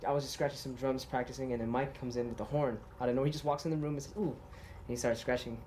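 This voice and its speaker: Fast, rambling DJ with music under. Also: male voice, medium pitch, slight background noise. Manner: excited, rambling, casual slang. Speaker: turntablist DJ. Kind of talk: documentary interview. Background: hip-hop music.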